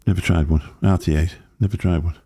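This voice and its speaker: On his casual live stream, a man rambles across topics at a fast pace, keeping a steady, warm tone with a breathy edge. His voice is deep and booming, captured by a desk microphone through a mixer, and he chats along, chuckling to himself.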